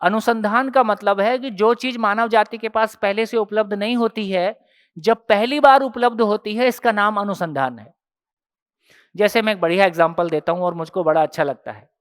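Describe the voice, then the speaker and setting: A man leads a workshop session in a casual, conversational teaching style. His voice is smooth and resonant, and he keeps pressing the audience with rhetorical questions as he walks through everyday examples. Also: high-pitched, moderate pace, big-room sound. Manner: explains step by step with everyday examples.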